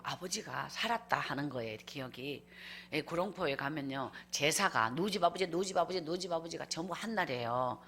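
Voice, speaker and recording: A woman's voice: lowish voice, fairly bright tone. A woman evangelist tells her life story in a revival sermon, emphatic and acting out scenes as she goes. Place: church.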